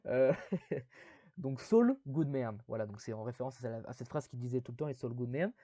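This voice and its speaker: A man's voice: medium pitch, expressive, moderate pace, warm tone, dry recording. A man giving a casual spoken video review, rambling with many fillers and self-deprecating asides.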